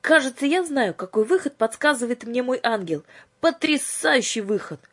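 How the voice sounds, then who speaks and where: A woman voicing a lively, impulsive teenage girl who talks in an excited, pleading way with a breathy voice. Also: mid-range voice, normal speed, voice pushed up.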